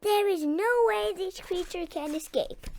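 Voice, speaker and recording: A woman voicing a boastful male mouse scientist in a squeaky voice, drawing out grand announcements to a crowd in a storybook reading. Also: a little slow, creaky, exaggerated voice. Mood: reassuring, unsure.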